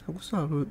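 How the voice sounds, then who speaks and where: A young man plays the boyfriend in an ASMR role-play, pleading and apologizing in a coaxing tone while slipping in English phrases. His voice is a little high, mellow and husky, with vocal fry.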